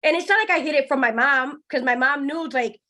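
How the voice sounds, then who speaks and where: A woman with a high, bright voice, chatting casually with friends. She tells her stories with energy and acts out the voices of the people in them. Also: brisk. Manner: animated storyteller, acts out quoted voices. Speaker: co-host. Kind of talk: casual chat.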